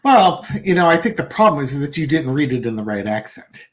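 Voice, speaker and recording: Dry-humored tarot cohost guy, bit high voice, riffs and jokes. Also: big pitch swings, brisk. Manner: wry, joking, adds banter. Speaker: tarot reader and co-host. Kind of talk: casual chat.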